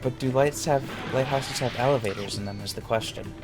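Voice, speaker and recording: A man hosting a let's play with casual game commentary, dry and laconic with deadpan quips. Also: mid-range voice, brisk. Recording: game music playing behind.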